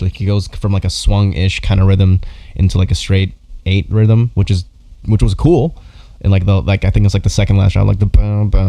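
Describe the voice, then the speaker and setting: A man talks through his verdict on a live stream, rambling and full of fillers. His voice sits low with a gravelly, dark tone. The sound is dry and close. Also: no room sound. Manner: rambling, filler-heavy, laughs while talking. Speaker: beatbox judge reacting to entries. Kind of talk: casual live-stream commentary.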